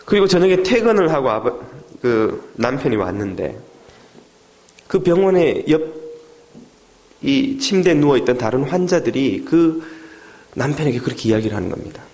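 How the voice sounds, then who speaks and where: A man's voice: medium pitch, sing-song, moderate pace, long pauses, darkish tone. A middle-aged man preaching a sermon, telling a story dramatically and acting out the people in it. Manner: dramatic storytelling that acts out the quoted voices. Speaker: pastor.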